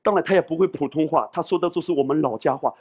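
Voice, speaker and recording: A man pastor preaching a sermon in a lively, conversational way, acting out little voices and asides along the way. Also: a little high, fast, husky.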